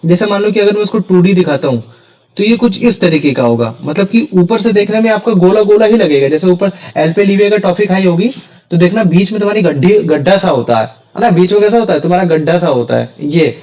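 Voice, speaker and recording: A man's voice: sits high, expressive, fast, dark tone, poor audio. A young man teaching a science class in a casual way, often repeating key terms as questions to his students.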